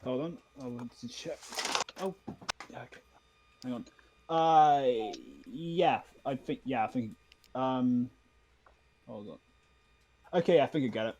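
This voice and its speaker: A man's voice: mid-range voice, measured pace, long pauses, a little mellow, slight background noise. A man following build instructions over a video call, hesitant and full of fillers while he checks his work.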